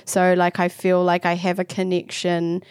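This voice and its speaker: A woman's voice: fairly low pitch, monotone, moderate pace, a little mellow, clean tone, no echo, clean studio sound. New woman thinking aloud, hesitant. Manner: thoughtful, searching for words, many fillers. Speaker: theatre director and artist. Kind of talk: casual conversation.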